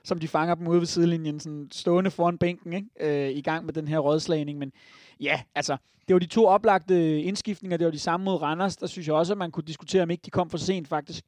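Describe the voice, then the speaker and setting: A man's voice: fairly high pitch, steady tone, darkish tone, dry recording, clean studio sound. A Danish man giving strong opinions on football in a casual podcast chat, with many fillers. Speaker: podcast panelist.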